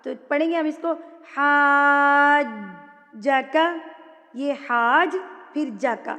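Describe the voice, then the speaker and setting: A woman teaching an online Quran recitation lesson, explaining patiently step by step and drawing out words slowly when she recites. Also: high voice, a bit bright, long reverb tail. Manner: slow drawn-out recitation of Arabic words.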